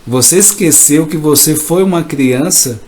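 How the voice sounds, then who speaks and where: A man voicing a young boy who reproaches his proud father with a string of accusing questions, spoken slowly. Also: on the high side, a little mellow, voice pushed up, close to an everyday voice.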